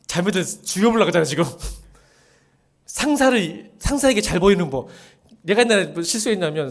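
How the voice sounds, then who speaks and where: A middle-aged man preaches a relaxed midweek sermon in a lively, fairly high voice that rises and falls a lot. He jokes with the congregation, slips into quoted dialogue, and sometimes sinks to a soft murmur. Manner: chatty and joking, acting out quoted dialogue, often dropping to a murmur. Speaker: pastor.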